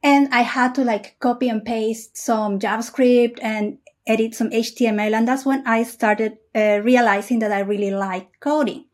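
Her voice is a little high, with fairly even intonation, as this software engineer from Peru responds in a casual interview over video call. She's measured and thoughtful, pausing frequently with "uh."

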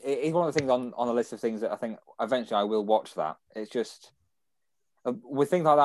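A man's voice: medium pitch, dry recording. A young man with a British accent, telling rambling stories and laughing often as a podcast co-host in casual chat. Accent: British English.

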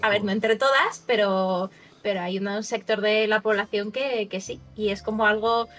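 A woman's voice: medium pitch, steady tone, moderate pace, fairly bright tone. A young woman from Russia, a native Russian speaker, chatting casually as a guest and often tagging her sentences with "you know?". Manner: chatty, lots of fillers like sabes. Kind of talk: casual chat. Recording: roomy with faint music behind.

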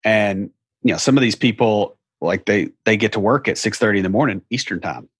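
Speaking briskly in a fairly low, slightly rough voice, this middle-aged man has an Appalachian hillbilly accent from the Southern US. He wanders into rambling asides as he explains things in a casual, folksy, wry manner. It's studio quality with no room sound.

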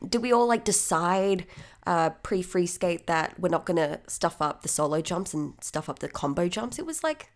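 A woman's voice: fairly low pitch, lively intonation, moderate pace. Congested woman podcaster with a stuffy nose. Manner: informal, slangy. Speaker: podcast co-host. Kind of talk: casual podcast chat.

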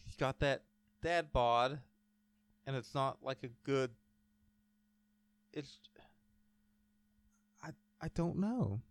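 A man's voice: mid-range voice, slow pace, long pauses, no room sound. Guy rambling on a podcast, swears a lot, dead dry mic sound. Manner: swearing, rambling, breaks into loud mimicking voices. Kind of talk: casual podcast chat about wrestling.

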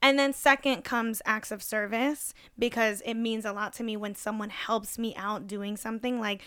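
Young woman chatting on a podcast, smooth clear voice, dry close mic. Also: fairly high pitch, normal speed, no echo. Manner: chatty, many fillers, animated. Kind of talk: casual chat.

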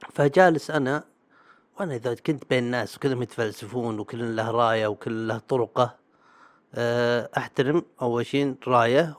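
Fast-talking man ranting. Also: medium pitch. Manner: animated and sarcastic, acts out other people's voices; frequent fillers and restarts. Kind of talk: casual monologue.

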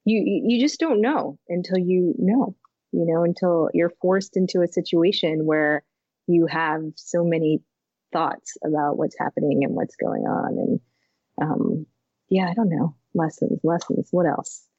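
Husky low-voiced woman, thoughtful. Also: dark tone, dry recording, highs cut off. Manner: thoughtful, halting, many fillers and restarts. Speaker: podcast co-host. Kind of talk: casual reflective chat.

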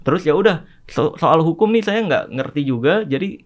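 A man guest on a casual podcast, retelling an incident and acting out the exchanges with lively emphasis. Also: on the high side, moderate pace. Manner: animated, acts out quoted exchanges in a raised voice. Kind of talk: storytelling in casual chat.

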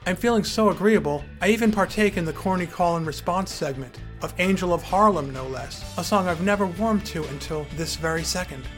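A man's voice: sits high, a little fast, hardly any pauses, faint music behind. A man narrating his memoir in a wry, dryly humorous way.

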